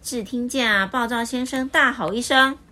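A woman reading a children's picture book aloud as storyteller, with expressive, lively delivery. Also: a little high, normal speed.

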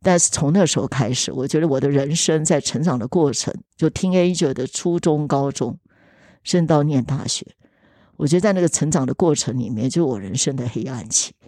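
A woman's voice: low voice, warm tone, dry recording, clean studio sound. A woman, earnestly telling a personal family story in a podcast chat, often hesitating and restarting.

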